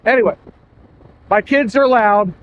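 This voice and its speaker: Man shouting over wind on a motorcycle. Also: high-pitched, measured pace. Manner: loud, yelling over wind noise. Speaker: motorcycle vlogger. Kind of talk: casual talk to camera while riding. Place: outdoors riding a motorcycle. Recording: muffled sound with faint engine and wind noise.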